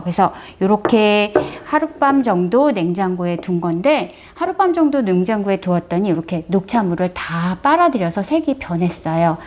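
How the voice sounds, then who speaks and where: A woman's voice: medium pitch, a little mellow. A middle-aged woman chatting through a step-by-step home demonstration, friendly and explanatory, presenting for a brace clinic. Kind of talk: casual how-to demonstration.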